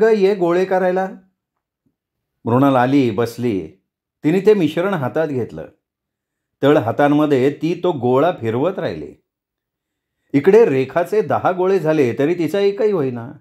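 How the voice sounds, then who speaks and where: A man reading a short story aloud as a storyteller, in a measured, expressive narration. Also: medium pitch.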